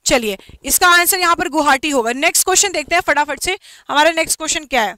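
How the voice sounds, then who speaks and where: Woman coaching teacher, high voice, dry close sound, quizzes students and repeats questions. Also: sharp tone, no room sound. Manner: quizzes students, repeats each question, mixes English into her talk; reads English questions slowly and carefully. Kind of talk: live online quiz lesson.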